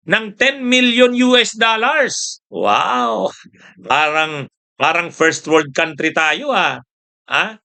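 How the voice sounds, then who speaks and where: A man's voice: high-pitched, pushed and bright, smooth. A man hosting a casual political commentary show, mocking his subject, laughing often, tossing in short questions and repeating his points for emphasis.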